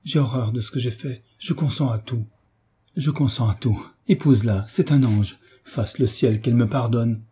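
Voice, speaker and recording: A man reading the part of a proud middle-aged noblewoman who pleads through tears, in a husky, dark voice. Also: medium pitch, normal speed. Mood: pleading. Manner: pleading, emotional.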